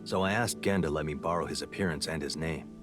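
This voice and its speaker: An actor playing a serious special agent in a game, speaking in an earnest, grave manner. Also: male voice, extremely low pitch, fast. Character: serious male special agent recounting his investigation. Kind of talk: scripted game acting. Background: music.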